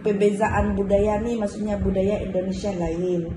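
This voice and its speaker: A young woman with a Malaysian accent interviewing a guest in a halting, conversational way, with many fillers and restarts. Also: medium pitch, level tone. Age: young adult. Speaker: student interviewer. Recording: echoey room with loud background noise.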